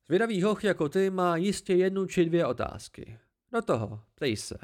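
A man's voice: high voice, very animated, darkish tone, voice pushed up. A man putting on a cold dry tree spirit. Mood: haughty. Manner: dry, cold, disdainful, slow.

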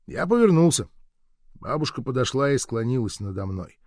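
A man doing a measured, sardonic scripted narration of an audiobook. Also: medium pitch, sing-song, darkish tone, no room sound, clean studio sound.

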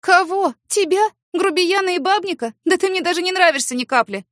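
A woman voicing a proud, quick-tempered young woman who snaps back in shrill, indignant outbursts. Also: very animated, dry recording, clean studio sound.

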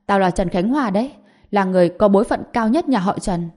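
Brief: a woman voicing an outraged elderly patriarch, commanding and scornful, warm low tone. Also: fairly quick, natural voice. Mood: angry. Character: proud old male clan elder over eighty.

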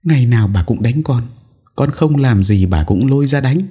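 A man's voice: mid-range voice, expressive, moderate pace, warm tone, husky, voice pushed up. A man voicing a tearful young servant girl. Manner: sobbing, pleading.

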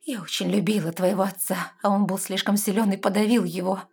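A woman's voice: medium pitch, fairly even intonation, a little fast, gravelly, slightly rough. A woman voicing a frightened, loving queen mother who urges her daughter to flee. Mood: earnest. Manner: urgent, fearful, loud. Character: loving anxious queen mother, fearful, urgent.

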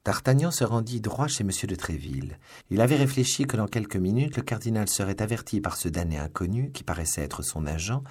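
Man reading an audiobook, low pitched, a bit husky, measured. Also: big pitch swings, darkish tone. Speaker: audiobook narrator. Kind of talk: scripted narration.

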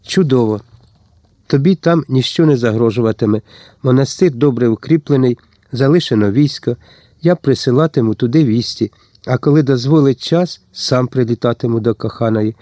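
A man's voice: medium pitch, normal speed, mellow, dry recording, studio quality, close to an everyday voice. A man voicing a Cossack otaman who speaks firmly and with command. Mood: tender. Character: stern Cossack otaman, young male leader.

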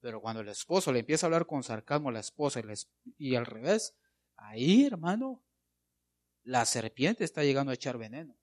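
Animated, emphatic male preacher. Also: mid-range voice, a little fast. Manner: emphatic, keeps addressing listeners as brother. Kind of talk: sermon.

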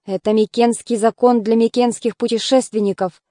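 A woman's voice: a little high, steady tone, normal speed, mellow, dry recording, clean studio sound, natural voice. Woman reading a hostile enemy soldier. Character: hostile male enemy soldier, proud of honor.

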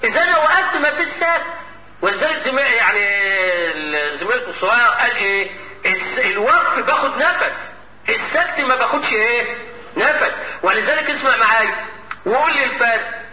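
A man's voice: very high-pitched, animated, a little fast. A man with an Egyptian Arabic accent teaching Quran recitation rules in a classroom lecture, quizzing students and chanting example verses. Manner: quizzing students, prompting answers. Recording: dull echoey classroom recording, faint noise.

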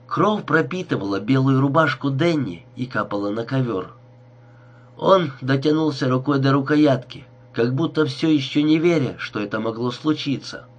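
Husky-voiced male audiobook narrator. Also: mid-range voice, expressive, moderate pace. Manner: tense, dramatic reading. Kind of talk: scripted dramatic narration.

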